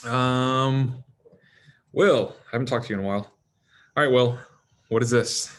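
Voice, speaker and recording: Man, classroom lecture, casual, quizzing students, mid pitch. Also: steady tone, unhurried. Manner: casual, quizzes students by name, frequent "right?" and "okay?". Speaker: anatomy instructor.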